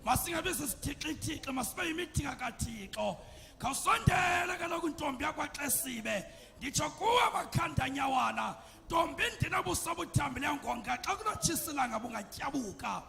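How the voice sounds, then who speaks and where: A man performing praise poetry at a ceremony, declaiming in a shouted, chanting delivery. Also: very high-pitched, animated, fairly quick, gravelly. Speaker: praise poet. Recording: long hall reverb, faint music.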